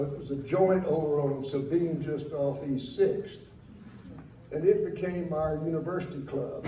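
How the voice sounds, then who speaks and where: An older man gives a fond, wry eulogy, reminiscing in a halting, faltering way with pauses. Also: on the high side. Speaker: eulogy speaker. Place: speaking at a memorial gathering in a room. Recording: roomy, distant mic, faint noise.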